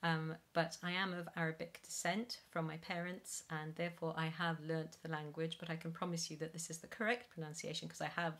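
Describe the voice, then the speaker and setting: Middle-aged woman, singing teacher, lowish voice, careful and slow over a webcam. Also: little pitch movement, a bit bright. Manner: slow careful enunciation with spoken explanations. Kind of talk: pronunciation lesson read from sheets. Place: small room at home, indoors.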